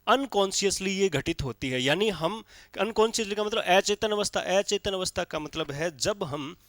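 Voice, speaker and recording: A man's voice: sits high, animated, normal speed, fairly bright tone, no room sound, clean studio sound. A male teacher giving a classroom lecture in speech, explaining step by step and checking in often with his listeners. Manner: explains step by step with frequent checks like "theek hai".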